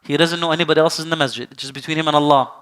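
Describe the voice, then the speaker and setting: A male Islamic teacher with a fairly high, bright, forceful voice delivers a sermon-style lesson in a conversational tone. He keeps asking rhetorical questions. Now and then he acts out the people he quotes. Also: fairly even intonation, rapid-fire, smooth.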